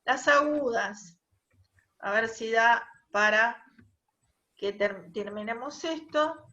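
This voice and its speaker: Slow high-voiced woman teacher. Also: bright, forceful tone, muffled recording. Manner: explains step by step, checks with "¿tá?". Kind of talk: online class lecture. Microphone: video call.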